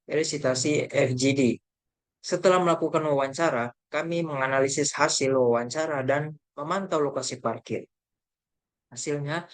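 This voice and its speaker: Young man haltingly reading slides. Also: on the high side. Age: young adult. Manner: reads haltingly, with self-corrections and fillers. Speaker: university student presenting a group report. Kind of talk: reading slides aloud in a class presentation.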